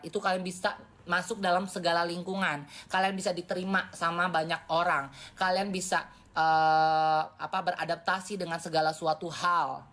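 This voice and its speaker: A woman's voice: fairly low pitch, fairly bright tone. A woman around forty chatting on a phone live stream, bluntly lecturing her viewers in casual slang. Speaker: livestreamer.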